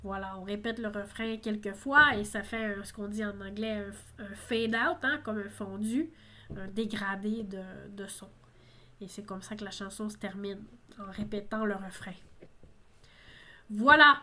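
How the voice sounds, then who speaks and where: A woman's voice: mid-range voice, unhurried, sharp tone. A woman teaching a song lesson, explaining lyrics patiently and often adding "hein". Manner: explanatory, frequent tag "hein". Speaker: French teacher.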